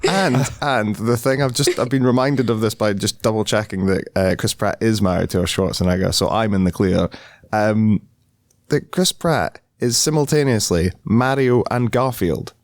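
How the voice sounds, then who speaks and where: A man hosting a podcast, chatting with wry, deadpan jokes. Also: lowish voice, normal speed, no echo. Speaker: podcast host. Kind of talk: casual chat.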